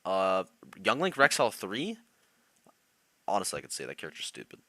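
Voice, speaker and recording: A young male streamer talking casually to his chat, with a low voice that swings up and down. His tone is bright and a little sharp. He laughs easily and keeps reacting to what viewers say. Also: huge pitch swings, normal speed, no echo. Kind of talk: casual live-stream commentary.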